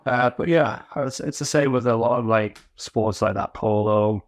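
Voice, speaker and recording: A man from Newcastle with a mixed northern English accent, a podcast guest telling his story in relaxed casual chat, often restarting his sentences. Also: medium pitch, moderate pace, no echo. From Newcastle, England.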